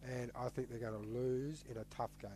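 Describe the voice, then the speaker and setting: A man's voice: medium pitch, fairly even intonation, brisk, dark tone. An Australian man co-hosting a casual sports podcast. His voice is mid-range and easygoing, and he states his views plainly, often in short replies. A faint hum sits under the recording. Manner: laid-back, firm opinions, brief replies. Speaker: podcast co-host.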